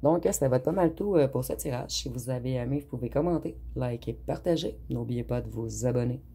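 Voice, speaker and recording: A tarot reader, giving an unhurried spoken reading with frequent hesitant pauses. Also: medium pitch, gravelly, dark tone, breathy edge.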